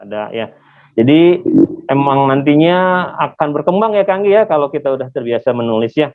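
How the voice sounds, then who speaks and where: A man's voice: a little high, animated, fairly quick. A man speaks through a face mask. He hosts an online class casually and chattily, often checking with listeners. The sound is narrow and phone-like, as on a muffled call. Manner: chatty, repeatedly asking for confirmation. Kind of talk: casual, interactive webinar hosting. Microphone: video call.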